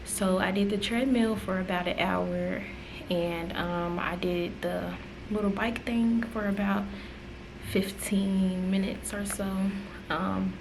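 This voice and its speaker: A woman's voice: mid-range voice, fairly even intonation, takes it slowly, vocal fry. A woman in her twenties chatting casually to her vlog at the gym. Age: 20s. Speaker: vlogger. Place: in a gym, partly in its locker room. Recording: loud ambient noise behind.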